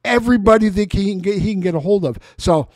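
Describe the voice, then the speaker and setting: A man's voice: high voice, fast talker, dry recording. A man of sixty hosting a casual, rambling chat with a guest. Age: 60s. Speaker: host.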